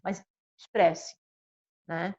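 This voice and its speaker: A woman's voice: on the low side, drawn-out words, lo-fi sound. A Brazilian woman psychologist explaining earnestly in a conversational talk, often ending her phrases with tag questions. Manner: constantly adds tag questions, expressive and earnest.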